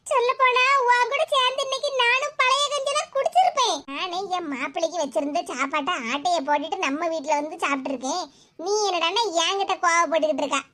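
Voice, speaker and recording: A woman's voice: very high-pitched, fairly quick. A woman voicing a cheeky, teasing young village daughter in a cartoon who coaxes her cross mother. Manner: teasing and coaxing. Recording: loud background noise.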